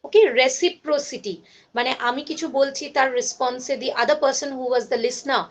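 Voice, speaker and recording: A woman's voice: high-pitched, fairly even intonation, normal speed. A woman college lecturer with a Bengali accent, teaching a class in a mix of Bengali and English, with many fillers and self-corrections.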